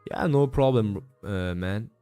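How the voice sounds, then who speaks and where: Here a man in his late twenties, a day trader, chats loosely on his live stream about his trades, answering viewers he calls "bro," and filling his speech with fillers. Worn out from a long session, he speaks at a measured pace in a lowish, mellow, clear and resonant voice, with soft music in the background.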